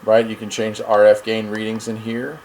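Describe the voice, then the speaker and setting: The host of a radio review channel gives a casual, folksy product demonstration, speaking informally and thinking aloud while he operates a device. His voice is on the low side and he talks fairly quickly. The recording is rough, with clear, steady background noise.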